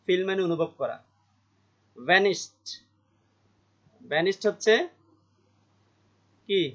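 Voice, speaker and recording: A male teacher in a vocabulary lesson, reading English definitions slowly and explaining them more quickly, often checking in with his students. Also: high-pitched. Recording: dull lo-fi recording.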